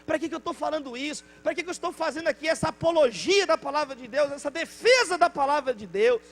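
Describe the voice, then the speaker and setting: Man, Brazilian Portuguese accent, pastor, impassioned sermon, very high-pitched voice, faint electrical hum. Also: fast talker, a bit bright. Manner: impassioned preaching that acts out the people in the stories.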